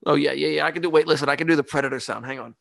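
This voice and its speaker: A man hosting his own podcast, talking casually in an animated, ranting, self-mocking way. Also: fairly high pitch, very fast, vocal fry, no echo. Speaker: podcast host. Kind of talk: casual solo monologue. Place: home studio.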